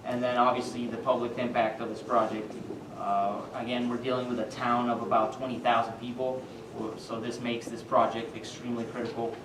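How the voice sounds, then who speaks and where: A man's voice: mid-range voice, level tone, brisk, few pauses. A young man giving a student team presentation, hesitant, with many filler sounds and restarts, recorded far off in an echoey, noisy room.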